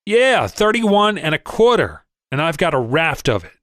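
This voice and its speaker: A man reads as a small, red-faced stock trader beside himself with anger, his voice jumping high and loud. Each line comes out sputtering and accusing in a dry, close audiobook recording. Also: sing-song, normal speed, dry recording. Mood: furious shouting. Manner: shouting, indignant, sputtering. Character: furious small middle-aged male stock trader.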